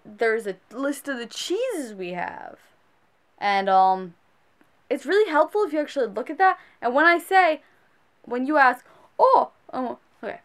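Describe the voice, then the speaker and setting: A woman on a casual rant as a sandwich shop worker, exasperated and scolding, speaking emphatically. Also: high-pitched.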